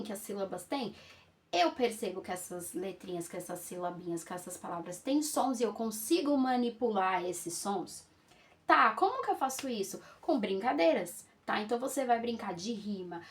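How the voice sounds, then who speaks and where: A woman pedagogue teaching parents how to start children reading, in a casual, lively way with frequent check-ins and playful sing-song examples. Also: fairly high pitch. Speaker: pedagogue and literacy educator.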